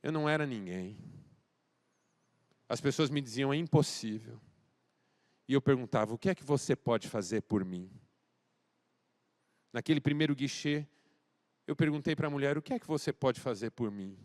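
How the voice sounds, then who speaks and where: A male pastor from Brazil preaching a sermon, swinging between loud exhortation and quiet, intimate address, acting out dialogue as he tells a story. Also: mid-range voice, animated, normal speed, long pauses.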